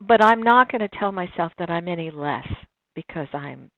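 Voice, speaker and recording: A fairly low-pitched woman in her sixties speaks animatedly at a moderate pace as a casual interview guest, reflecting and telling stories with many restarts. It's a dry recording with a tinny phone-line quality.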